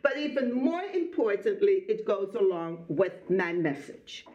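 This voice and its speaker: A woman in her late sixties, born in Belgium, gives personal testimony as a Holocaust survivor to a school group, addressing the students conversationally and drifting into digressions. Her medium-pitched voice is very animated, unhurried and darkish in tone. The echoey room makes the recording sound muffled and dull.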